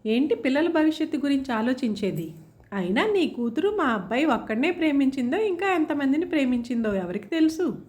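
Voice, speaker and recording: A woman voicing a sarcastic, loud-mouthed middle-aged village aunt who taunts and shouts scornfully. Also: high voice, big pitch swings, moderate pace, voice pushed up. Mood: angry shouting.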